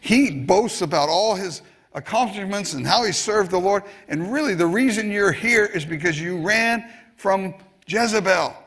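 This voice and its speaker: A man's voice: high voice, animated, normal speed, fairly bright tone. A man preaching a sermon, delivering it expressively, chuckling now and then and acting out the scripture he quotes.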